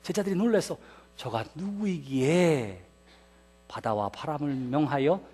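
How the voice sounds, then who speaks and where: A man's voice: a little high, expressive, a little slow, dark tone, husky. A male pastor preaching a sermon at a church service, emphatic and putting rhetorical questions to the congregation.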